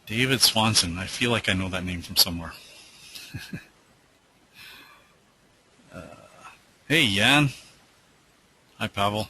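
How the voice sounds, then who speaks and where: Low-voiced man with a bright, forceful tone. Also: animated, slow pace, long pauses, slightly rough, rough recording. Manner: loose, rambling, many fillers and restarts. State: losing his voice. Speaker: trading webinar host. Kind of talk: casual live webinar Q&A.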